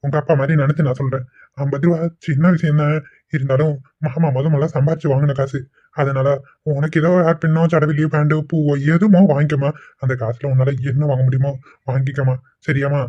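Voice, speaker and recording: A man's voice: on the high side, little pitch movement, a little fast, dry recording, close to an everyday voice. A man voicing a kind, reformed middle-aged father-in-law in a cartoon, speaking affectionately. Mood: coaxing. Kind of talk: amateur cartoon voice acting. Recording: dry, tinny phone-like sound.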